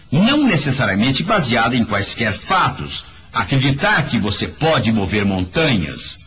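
A man's voice: a little high, fairly bright tone, slight background noise. A man giving an emphatic motivational speech in a voice-over, talking straight to his audience. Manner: emphatic, preachy, addresses the audience directly. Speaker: motivational speaker.

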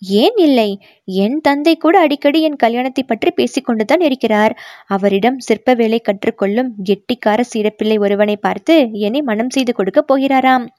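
A woman's voice: on the high side, moderate pace, darkish tone, dry recording, clean studio sound, close to an everyday voice. Woman reading as a shy, emotional young maiden. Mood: sly. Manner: pleading, coy. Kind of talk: audiobook reading.

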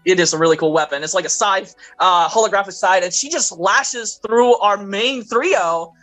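Male podcast host, brilliant tone, animated casual recap with put-on character quotes. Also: sits high, normal speed, faint music behind, low-quality recording. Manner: animated, acts out characters' lines in quoted voices; frequent fillers and laughter. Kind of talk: casual chat recapping a cartoon movie.

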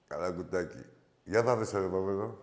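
Man, call-in show host, low voice, echoey room, brash, crude teasing banter. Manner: brash, crude, mocking callers; loud teasing with frequent laughs.

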